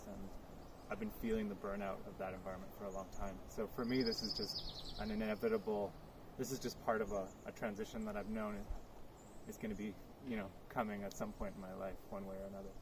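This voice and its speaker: A Polish man with a lowish voice answers interview questions outdoors, earnest and reflective, thinking aloud as he goes. Crickets are clearly audible amid the background noise.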